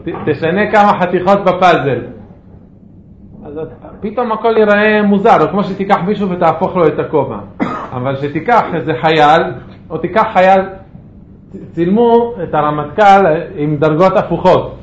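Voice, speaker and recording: A man's voice: sits high, slight background noise. A man teaching pronunciation in a lesson, patiently correcting and explaining with everyday comparisons. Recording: echoey, muffled lo-fi audio.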